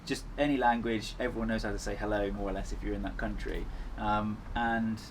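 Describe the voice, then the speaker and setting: A man with a fairly low voice talks casually as a guest in an interview. His way of speaking is earnest and reflective. Clear ambient noise sits behind his voice. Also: fairly even intonation, brisk. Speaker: endurance runner, interview guest. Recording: clearly noisy ambient background.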